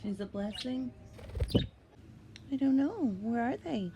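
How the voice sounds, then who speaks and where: A woman's voice: a little high, lively intonation, slow, lo-fi sound. A woman talking affectionately to her pet bird in simple, cooing, repeated phrases. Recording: noisy home recording with bird sounds.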